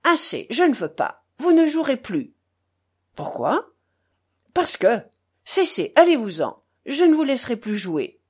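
An indignant, stubborn young man, as a woman reading aloud plays him, loud and insistent. His pitch ranges widely. The voice carries a breathy rasp. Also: very animated, a little slow, exaggerated voice.

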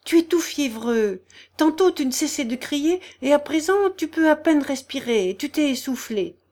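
A furious older noblewoman , put on by a woman reader, pitched well above the reader's own voice and loud. She scolds in shrill bursts, domineering and quick to anger, in an audiobook reading. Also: lively intonation, close to an everyday voice. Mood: alarmed scolding. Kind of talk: audiobook character voice.

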